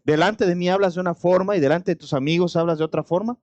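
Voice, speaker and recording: A man's voice: sits high, quick pace, a little mellow, dry recording, dull audio. A man with a Mexican accent preaching a sermon as pastor, talking straight to the congregation with many rhetorical questions. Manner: conversational preaching with direct address and rhetorical questions.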